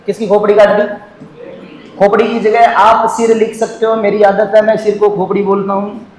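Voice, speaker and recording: A man teaching a class in a lively, joking way, firing questions at the students and answering them himself. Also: high-pitched, normal speed, reverberant, low-quality recording.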